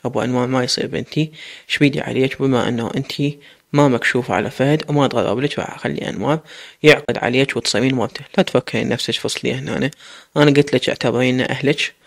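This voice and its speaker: A man's voice: medium pitch, steady tone, racing, gravelly. A man voicing a firm, fatherly Iraqi sheikh. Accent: Iraqi Arabic.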